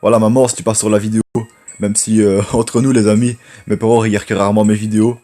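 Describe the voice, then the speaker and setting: A man with a low voice giving rambling, chatty gameplay commentary and talking to viewers as friends. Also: level tone, fast, warm tone, soft background music. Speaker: gaming YouTuber.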